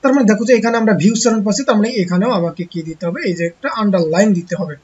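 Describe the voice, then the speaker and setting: A teacher gives an online textbook lesson to young pupils. The teacher asks rhetorical questions and answers them, slowly repeating key words. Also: medium pitch, expressive, a little mellow, husky, highs cut off.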